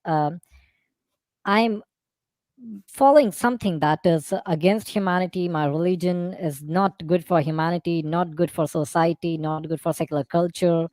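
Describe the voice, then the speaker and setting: A man with an Indian accent speaking through a voice changer that disguises his voice, answering interview questions haltingly and rephrasing as he goes. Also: on the high side, fairly even intonation, a little mellow, no room sound. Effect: voice changer disguising the real voice. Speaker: interview guest, former student of Islamic preaching.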